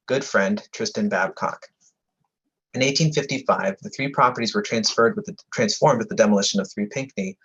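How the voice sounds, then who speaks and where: A man's voice: on the low side, fairly bright tone, breathy edge. A man giving a history lecture, reading from prepared text and often correcting himself, at times talking over sirens. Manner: reads prepared text with frequent stumbles and self-corrections. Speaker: lecturer presenting a book on historic buildings. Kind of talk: slide-illustrated history lecture. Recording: slightly dull, muffled audio with passing sirens.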